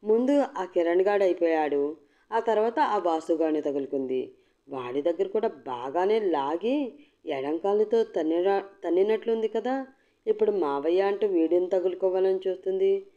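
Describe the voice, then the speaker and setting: A woman's voice: mid-range voice, warm tone, natural voice. A woman voicing a defiant young woman who speaks firmly and mockingly. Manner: cutting, mocking, firm. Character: defiant young woman, sharp-tongued and unbowed. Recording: dull lo-fi recording.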